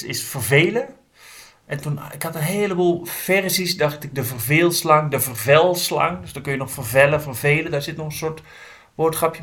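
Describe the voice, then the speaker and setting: A man, a translator and parent, explaining his work in a relaxed interview, thinking aloud with restarts. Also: fairly high pitch. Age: adult parent. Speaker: book translator. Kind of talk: casual interview talk.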